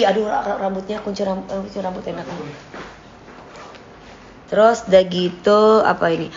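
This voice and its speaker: A woman in casual chat with her followers, speaking bluntly, giving examples and lecturing, at times dropping to a quiet voice. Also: medium pitch, dull audio, slight background noise. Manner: blunt, lecturing, gives examples, drifts between topics. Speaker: singer talking to her followers. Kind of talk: casual live-stream chat.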